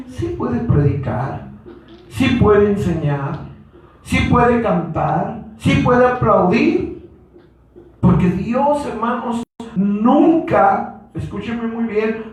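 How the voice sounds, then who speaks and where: Male Pentecostal preacher, very high voice, slow fervent delivery, keeps repeating "brothers", booming church echo, off-mic. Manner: repeats "hermanos" constantly, rising to shouts. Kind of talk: Pentecostal sermon. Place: church hall. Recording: very echoey church from a distance.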